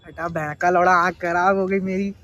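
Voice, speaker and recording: A man's voice: high voice, level tone, normal speed, sharp tone. A teenage boy chatting crudely in an unfiltered vlog, talking outdoors at night into a phone camera. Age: teens. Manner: crude, slangy, rambling banter. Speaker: vlogger. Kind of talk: casual unfiltered vlog chat.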